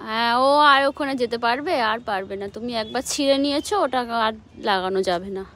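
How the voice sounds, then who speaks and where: A woman's voice: a little high, fast talker, a bit bright. A young mother talking to her small child in a sing-song, coaxing way while filming outdoors in a rooftop garden. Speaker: mother and vlogger.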